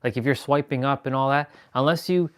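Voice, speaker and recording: A man's voice: mid-range voice, fairly quick, clean tone. Self-assured man rambling on a livestream. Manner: rambling, self-assured, restarts mid-sentence. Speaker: live stream host. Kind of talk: casual spiritual monologue.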